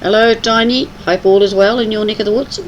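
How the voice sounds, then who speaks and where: This time her voice is mid-range with fairly even intonation, a little fast, the highs cut off and slight background noise present. The older Kiwi livestream host, whose accent carries some English, keeps up teasing, casual chatter as she games.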